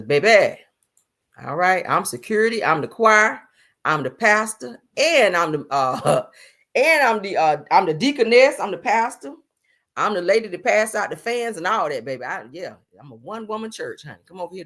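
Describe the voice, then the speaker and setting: A woman's voice: fairly low pitch, sing-song, normal speed, a bit bright. A woman host giving sassy casual commentary on the news, calling her viewers honey and child.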